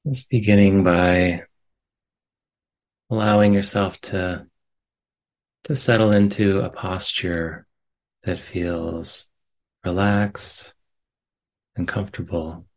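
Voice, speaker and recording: A man with a deep voice leads a guided meditation at a meditation center, speaking very slowly as its teacher. His intonation stays fairly even, and his gentle, unhurried delivery sets short phrases apart with long pauses.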